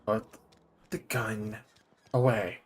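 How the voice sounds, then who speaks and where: A man casually commentating on a game live as a streamer, thinking out loud. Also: fairly low pitch, steady tone, slow pace. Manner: reads game text aloud, thinks out loud.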